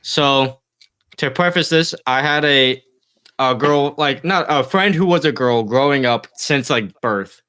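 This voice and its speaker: A man's voice: mid-range voice, measured pace, pushed and bright, clear, resonant tone. A young man co-hosting a podcast, telling a story among friends in a rambling, filler-heavy way. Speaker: podcast co-host. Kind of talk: casual banter among friends.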